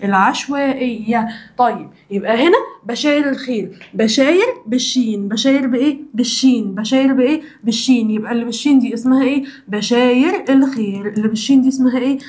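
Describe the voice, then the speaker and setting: A woman's voice: a little high, racing, a little mellow. A young woman teacher from Alexandria with an Egyptian Arabic accent, giving a children's social studies lesson and drilling the answers by asking the same question again and again. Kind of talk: recorded classroom lesson for children.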